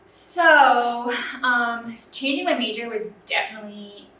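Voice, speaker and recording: A young woman student with a fairly high, sharp-toned voice takes her time answering interview questions. She comes across as earnest and casual, using "um" and "you know" often, and the recording is roomy and off-mic, with her far from the microphone and faint ambience around her.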